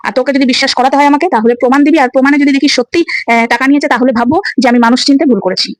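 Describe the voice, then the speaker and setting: A woman vlogger, delivering a forceful, repetitive rant straight to camera and demanding proof. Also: high voice, steady tone, rapid-fire, dry recording. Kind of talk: angry direct-to-camera rant.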